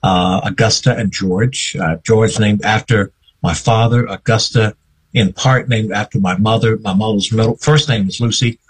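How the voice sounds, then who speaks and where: Older man, husky low voice, unhurried radio-guest storyteller. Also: fairly even intonation, poor audio. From North Carolina, US. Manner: slow, reflective storytelling. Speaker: guest, veteran newsman. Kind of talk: radio interview.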